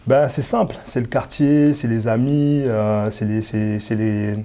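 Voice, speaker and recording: A man's voice: medium pitch, fairly even intonation, measured pace, warm tone. A man, talking hesitantly as an interview guest and mixing in Lingala. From DR Congo, raised in Kinshasa. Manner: hesitant, many fillers and restarts.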